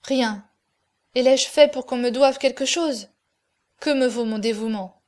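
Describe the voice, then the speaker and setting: Rich: A woman reads a tormented man torn between love and duty, his questions raw and pleading. The voice sits a little high, as she keeps close to her own reading voice in this audiobook. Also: a little slow, a little mellow, natural voice. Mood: anguished.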